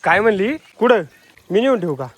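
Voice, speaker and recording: A man with a high, very animated voice speaks fairly quickly. He's a vlogger narrating casually outdoors around a farm and village, chatting straight to viewers while filming on a handheld phone.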